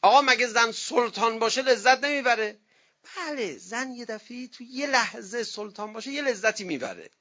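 A man's voice: very high-pitched, muffled recording. A man, a cleric, giving a conversational sermon on marriage, telling anecdotes and acting out the voices of the people in them. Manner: lively storyteller who acts out quoted voices.

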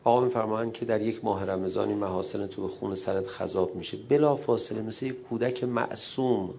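A middle-aged man preaching a sermon, emotive, dropping to a hush and rising loud as he acts out quoted dialogue. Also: on the low side, steady tone, vocal fry, slightly rough, highs cut off. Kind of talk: religious sermon.

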